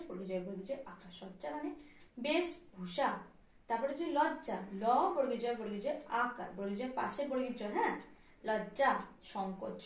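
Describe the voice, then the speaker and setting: In a recorded primary school lesson, a woman with a West Bengal accent teaches in Bengali, slowly and patiently spelling each word letter by letter and often asking the children "all right?" to check that they follow. Her voice is fairly high. It sounds distant, in an echoey room.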